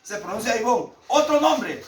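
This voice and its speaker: A man's voice: very high-pitched, lively intonation, moderate pace, soft background music. A man with a Salvadoran Spanish accent teaching a Bible lesson to a class, repeating key words emphatically and asking the class questions. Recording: echoey room, speaker far from mic.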